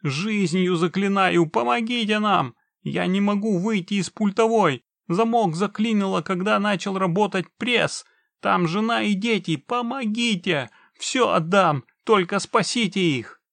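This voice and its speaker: A man's voice: high-pitched, expressive, measured pace, creaky, dry recording, voice pushed up, heavily acted. A man voicing a panicked, trapped middle-aged man who screams and begs for help. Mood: panicked screaming. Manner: screaming, pleading desperately.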